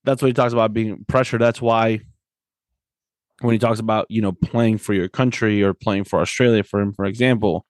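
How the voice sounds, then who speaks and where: A podcast host and soccer coach co-hosts a casual sports discussion, speaking conversationally and often using tag questions to seek agreement. His voice is lowish and steady, fairly quick, with no room sound.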